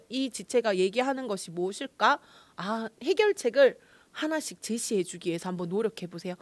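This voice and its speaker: Middle-aged woman, lively online lecture, frequent laughs, acted-out quotes, fairly high voice, dry close sound. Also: no room sound. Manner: chatty, laughs often, acts out quoted lines. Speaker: pastor's wife giving a lecture.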